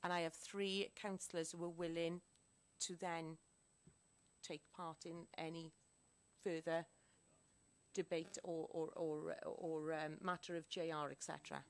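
A woman councillor reading out a motion in measured, formal phrasing, into a desk microphone in a council chamber. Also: deep voice, level tone.

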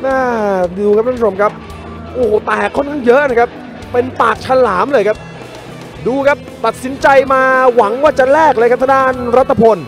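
A man giving excited, exclamatory live commentary on a Muay Thai boxing match. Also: very high-pitched, brisk. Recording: music and crowd noise behind. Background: arena crowd and music.

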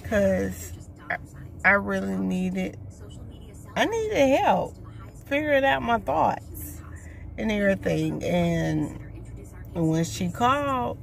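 A woman's voice: mid-range voice, big pitch swings, vocal fry, slight background noise. A woman sharing her daily thoughts in a casual, rambling video diary, earnest and encouraging, with lots of fillers. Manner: rambling and unhurried, many fillers. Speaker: vlogger. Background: radio playing in the background.

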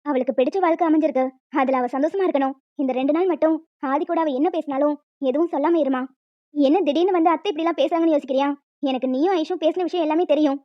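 A woman voicing a kind, wise middle-aged aunt who gives calm, gentle advice. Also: high voice, quick pace, dry recording, voice pushed down, natural voice. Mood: advising. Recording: dull lo-fi audio with music.

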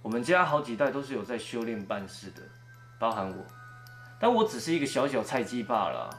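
A man's voice: medium pitch, brisk, soft background music. A man narrating a first-person ghost story and acting out every quoted voice. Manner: animated, acts out every quoted voice.

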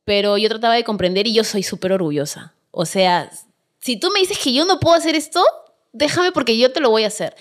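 A woman's voice: on the high side, lively intonation, a little fast. A Peruvian woman, a guest on a podcast, telling her own story in a casual interview, candid and emphatic.

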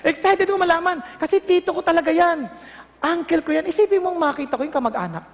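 A middle-aged man with a Filipino accent, preaching a lively sermon and acting out little dialogues. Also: very high-pitched, fast talker, gravelly. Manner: animated, mixes Tagalog and English, acts out dialogues. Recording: dull echoey hall recording.

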